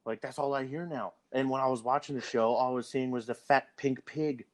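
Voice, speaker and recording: A man's voice: medium pitch, fairly even intonation, a little fast. A man in his thirties, co-hosting a casual podcast chat, rambling and restarting his sentences as he leads the talk. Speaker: podcast co-host.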